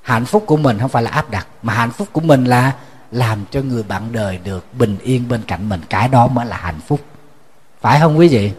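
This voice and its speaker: A man, a Buddhist monk, giving a sermon as a lively storyteller who repeats words when he restarts. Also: fairly quick, slight background noise. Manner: storytelling, acting out quoted voices with rising pitch.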